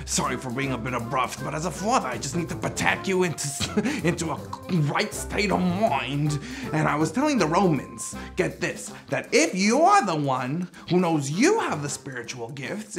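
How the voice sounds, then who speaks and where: An excitable old apostle in a children's comedy monologue, acted by a man. He scolds in a fatherly way, piling up rhetorical questions. His pitch is very animated, with some creak in the voice. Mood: exasperated. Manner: chiding, rhetorical questions, nervous chuckles. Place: studio, costumed before a cartoon backdrop.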